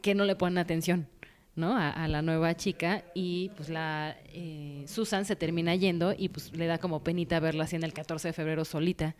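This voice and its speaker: A woman's voice: deep voice, fairly even intonation, normal speed. A woman, co-hosting a casual chat in a chatty, easily amused way. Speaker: podcast co-host. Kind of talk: casual chat recapping a sitcom episode.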